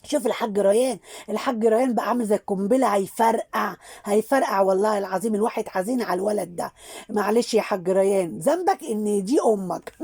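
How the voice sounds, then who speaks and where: Fast, scolding Egyptian woman commentator. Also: mid-range voice, warm tone, husky. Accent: Egyptian Arabic. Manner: scolding, mocking and preachy. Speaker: social media commentator. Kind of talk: satirical commentary on social media figures.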